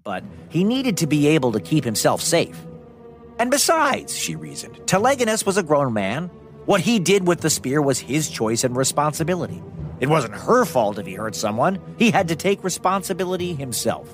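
With a medium-pitched, very animated voice at a normal speed, a man tells a scripted myth for children, blending drama with a conversational feel. He is a storyteller and podcast host, recorded in a dry studio with background music.

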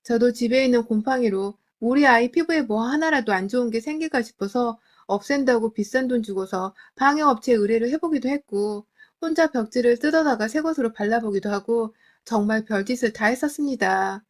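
A woman's voice: a little high, brisk. Woman narrating a dramatic true-life story. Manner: emotional, confiding first-person telling.

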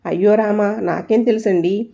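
Woman doing a young bride, coy, sly, feigned innocence, mellow tone. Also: mid-range voice, steady tone, normal speed, gravelly, natural voice. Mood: pleading. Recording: dull lo-fi audio.

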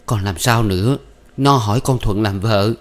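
A man voicing a loud, bossy old village mother who scolds her daughter. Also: fairly low pitch, moderate pace, lightly acted. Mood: excited.

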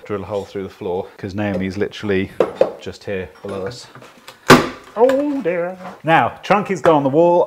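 Chatty swearing tradesman on site. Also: mid-range voice. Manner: chatty, swears casually, jokey asides. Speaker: electrician vlogger. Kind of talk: casual on-site vlog. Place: house under renovation, indoors.

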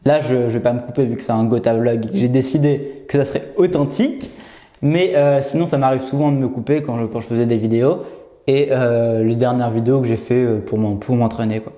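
A YouTuber in his twenties vlogs unscripted to camera while seated in a small, bare room, his mid-range voice warm and fairly quick. He's full of fillers, stutters and restarts, and the room adds a noticeable echo.

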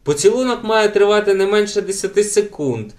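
A man's voice: high-pitched, expressive, fairly quick, pitched above the performer's own voice. A man voicing a self-assured ten-year-old boy in an audiobook, insisting on the rules. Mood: insistent.

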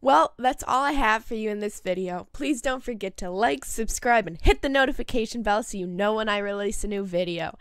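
A woman's voice: mid-range voice, fairly quick, hardly any pauses, smooth, no room sound. A woman hosting a birdwatching video, reading a scripted voice-over narration. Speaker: host of a birdwatching video channel.

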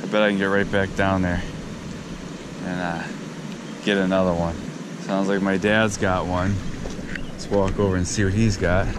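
A fishing video host with a low-sitting voice talks at normal speed but leaves long pauses, offering excited, chatty commentary straight to viewers while fishing outdoors from a riverbank and a fallen tree. His head- or chest-mounted action camera's outdoor mic catches river and wind noise.

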